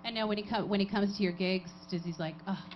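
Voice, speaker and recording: A woman's voice: medium pitch, fairly even intonation, fast talker, muffled recording, a little hiss or hum. A woman hosting a radio interview in a theatre, asking chatty, teasing questions. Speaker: radio host. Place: theatre with a live audience.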